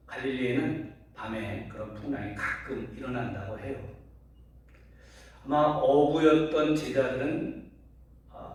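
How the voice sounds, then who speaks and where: Man preaching in a booming echoey church. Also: a little mellow. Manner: earnest, addresses the congregation, asks rhetorical questions. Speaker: pastor. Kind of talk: Sunday sermon. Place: church sanctuary. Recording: very echoey hall, voice from far off.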